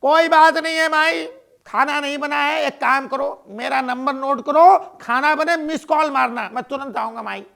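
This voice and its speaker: A man voicing a beggar who pleads in a high, drawn-out voice. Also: gravelly, sharp tone, full character voice. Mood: pleading. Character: pleading male beggar, wheedling.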